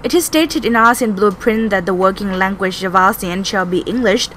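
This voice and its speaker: A woman's voice: mid-range voice, normal speed, fairly bright tone. Thai-accented woman reporter over background noise. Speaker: news reporter. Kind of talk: scripted news narration.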